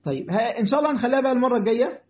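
Over a tinny, phone-like line, a sheikh with an Egyptian Arabic accent gives a religious lesson on Quran commentary, addressing listeners directly, repeating points, and taking their questions. His very high voice is animated and very fast.

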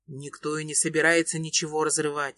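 A woman voicing a desperate young man in love, speaking in a low pleading growl. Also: flat delivery, a little fast, fairly bright tone, no room sound. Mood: angry. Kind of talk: audiobook reading.

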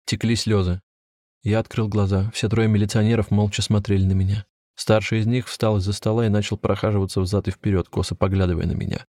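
Audiobook narrator: man in his 20s, calm and measured, low voice, dead-dry sound. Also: no room sound. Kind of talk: first-person audiobook narration.

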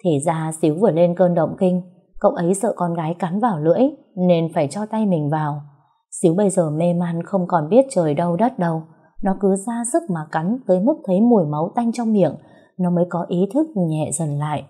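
A young woman narrating a story in a steady, expressive manner. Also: on the low side, a little fast, breathy edge.

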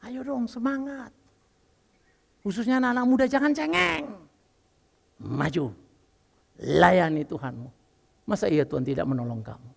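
An older man preaching a lively, joking sermon as a pastor while unwell. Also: sits high, moderate pace, creaky, long pauses, long reverb tail. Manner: lively and joking, mixing in English phrases. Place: church.

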